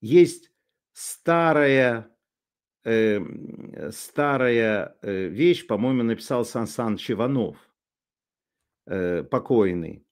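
A man giving an unscripted monologue commentary, sardonic and halting, with many drawn-out filler sounds. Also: mid-range voice, animated.

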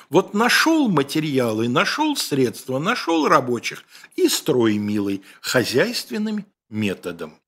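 A man's voice: on the high side, fairly bright tone. A man presenting a spoken history lecture in an ironic, colloquial storytelling manner.

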